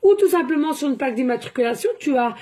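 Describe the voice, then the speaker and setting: A woman's voice: high-pitched, expressive, fast talker, mellow. A woman medium giving a casual card-reading guidance, chatty and rambling, often tacking on little verbal fillers, talking at home. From France. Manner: chatty, rambling, peppered with "hein". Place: home by a glass patio door.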